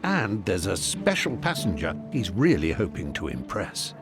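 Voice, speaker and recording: A man of medium pitch delivers scripted documentary narration with a very animated, swooping intonation. He sounds playful and wry, and music runs underneath. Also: moderate pace. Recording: voice-over on music bed.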